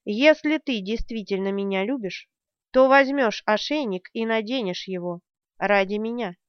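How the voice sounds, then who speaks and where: Audiobook: woman reads a harsh, commanding young woman, forceful, dry slightly dull recording. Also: mid-range voice, normal speed, clean tone, no echo, lightly acted. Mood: insistent. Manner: forceful, shouting. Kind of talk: audiobook character reading.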